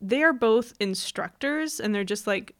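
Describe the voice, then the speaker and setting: Woman co-host, casual storyteller, chatty and quick to laugh. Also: mid-range voice, animated. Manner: chatty storyteller, laughs often, acts out quotes. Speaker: podcast co-host telling the story. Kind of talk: casual history podcast chat.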